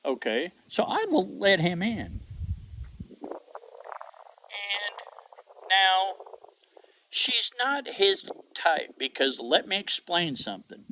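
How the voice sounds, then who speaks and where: A man's voice: high voice, sing-song, sharp tone, slight background noise, rough recording. A man telling a rambling, profane story in a casual rant. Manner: profane, rambling, drawn-out delivery. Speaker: vlogger.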